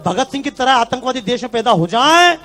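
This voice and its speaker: Very high-voiced man giving an impassioned stage speech. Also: lively intonation, fairly quick, fairly bright tone, soft background music. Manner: impassioned, fires rhetorical questions at the crowd. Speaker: public speaker. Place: stage before a live audience.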